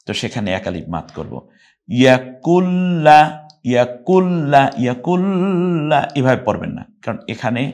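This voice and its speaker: A man teaching Quran recitation. He explains step by step in a plain speaking voice and chants each word slow, high and loud as a model. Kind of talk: spoken tajweed lesson.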